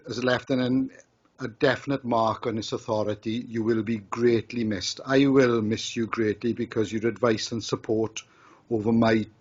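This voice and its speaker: Welsh man, council leader, joking tribute, husky voice, dull mic. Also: lowish voice. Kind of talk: tribute speech at a council meeting.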